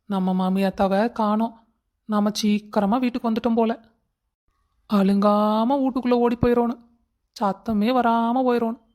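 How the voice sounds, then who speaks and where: A woman's voice: medium pitch, dark tone, natural voice. A woman voicing a crafty young daughter-in-law in a cartoon story. She sweet-talks and puts on tearful pleading. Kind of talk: cartoon voice acting.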